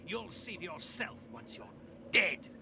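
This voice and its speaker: A man's voice: sits high, unhurried, background noise. An actor voicing a deranged male knight who taunts in an unhinged, mocking way, in a video game. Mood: crazed. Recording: game audio over loud music.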